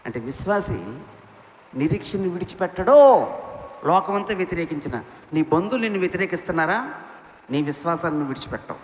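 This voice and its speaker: A man preaches with fervor, his high voice leaping up and down as he piles on rhetorical questions. He drops to quiet, low lines, then surges back loud. The sound rings with echo in a large hall. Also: very animated, fairly quick, long pauses. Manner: impassioned, rhetorical questions, swings between loud and soft. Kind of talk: sermon. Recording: echoey hall with faint ambience.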